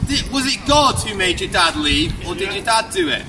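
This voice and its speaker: A man in his thirties from the UK preaching an open-air street sermon, projecting loudly and firing rhetorical questions at passers-by. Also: high-pitched, expressive, moderate pace. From United Kingdom. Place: outdoor pedestrian shopping street. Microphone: far camera, unmiked open air. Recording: distant voice with street noise. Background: street ambience and passers-by.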